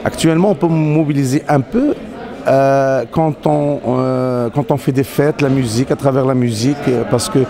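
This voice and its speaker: A Moroccan man, a company CEO, is interviewed outdoors in a city with crowd noise around him. His medium-pitched voice moves at a moderate pace through a casual conversation full of fillers and restarts.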